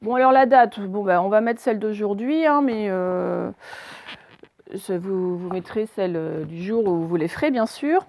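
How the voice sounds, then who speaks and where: A woman teacher giving a recorded phonics lesson for young children, saying words slowly and over-articulating them, with repetitions and fillers. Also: mid-range voice, lively intonation, a little mellow. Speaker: primary school teacher.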